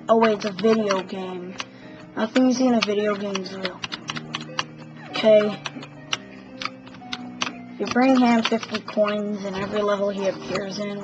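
A young woman giving rambling, casual commentary while playing a video game, wandering into chatty asides. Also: mid-range voice. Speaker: gamer. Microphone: camera filming a TV screen. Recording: dull lo-fi home video with game music. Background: game music.

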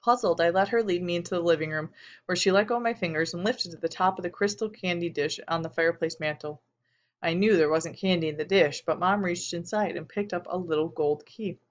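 A woman narrating a novel in the first person as an audiobook, with calm, even storytelling. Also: fairly low pitch, a little fast, dull audio, slight background noise. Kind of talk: scripted narration.

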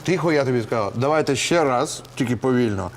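A crooked, commanding police officer, played by a man in a comedy sketch barks orders and threats. His mid-pitched voice moves with lively swings. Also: quick pace, slight background noise, lightly acted. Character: gruff corrupt male police officer.

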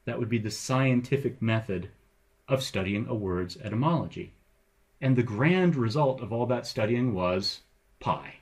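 Playful man lecturing, husky voice. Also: mid-range voice, moderate pace. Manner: playful, lively, animated delivery of word lists. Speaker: teacher. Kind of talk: recorded video lecture.

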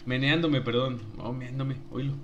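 A man's voice: mid-range voice, moderate pace, fairly bright tone, highs cut off, slight background noise. A young man with a Mexican accent, a streamer joking and laughing as he reads his chat aloud. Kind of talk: casual live-stream chat.

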